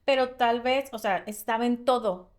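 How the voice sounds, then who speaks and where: High-voiced Mexican woman telling stories. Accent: Mexican Spanish. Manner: animated storytelling, fast bursts, frequent laughs. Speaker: podcast co-host. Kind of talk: casual podcast conversation.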